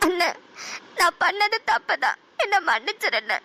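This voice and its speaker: This is a heartbroken young heroine in a cartoon love story, sobbing as she pleads. She speaks with a Namakkal Tamil accent. Her voice is very high and bright. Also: sing-song, normal speed, full character voice. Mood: pleading. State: crying.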